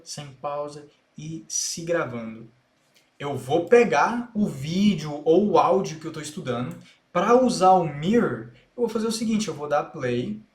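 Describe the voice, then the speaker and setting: A man with a Brazilian Portuguese accent, an English teacher explaining a learning method step by step in an online lesson. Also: high voice. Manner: patient, step-by-step explaining, repeats English lines to demonstrate. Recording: echoey room sound.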